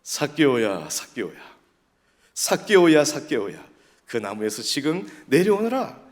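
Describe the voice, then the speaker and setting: A man's voice: medium pitch, big pitch swings, measured pace. A man playing Jesus calling up to a man in a tree, kind and commanding, in a reverberant hall. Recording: long church hall reverb.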